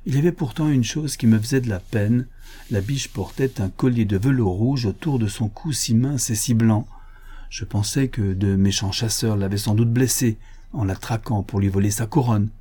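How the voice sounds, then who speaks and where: A man's voice: medium pitch, mellow, breathy edge, natural voice. A man reading a storybook voices a poor, devout peasant mother who sighs and pleads in distress. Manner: pleading and tearful.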